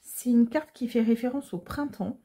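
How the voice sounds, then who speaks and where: A woman giving a casual tarot reading to viewers, explaining the cards gently and hesitantly with frequent pauses. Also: fairly high pitch. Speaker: tarot card reader.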